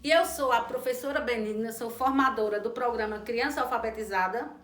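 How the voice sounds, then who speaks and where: A woman teacher trainer giving an instructional lesson, slowly sounding out words and letters. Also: a little high, fairly bright tone. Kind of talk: instructional lesson on early literacy. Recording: echoey room.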